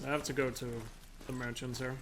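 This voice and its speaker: Over a stream mic with game sounds in the background, a Danish-accented man gives casual live commentary on his speedrun. His medium-pitched voice stays fairly flat and runs a little fast, and he's chatty, laughing often and swearing at his mistakes.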